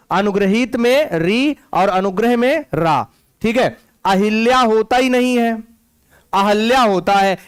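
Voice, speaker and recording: A male Hindi teacher leads an exam-prep spelling lesson, drilling his students with repeated check-in questions. His voice sits high and rings smooth and clear. The sound is close and dry, with no room around it. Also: no echo.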